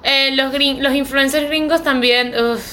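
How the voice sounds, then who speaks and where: A woman co-hosting a casual chat podcast, animated and acting out quoted voices. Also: high voice, measured pace, slight background noise. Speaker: podcast co-host.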